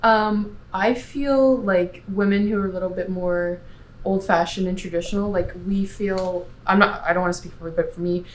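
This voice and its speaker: A young woman sharing her view in a casual panel discussion with halting, informal phrasing. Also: mid-range voice, fairly even intonation, a little hiss or hum, poor audio. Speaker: panel guest.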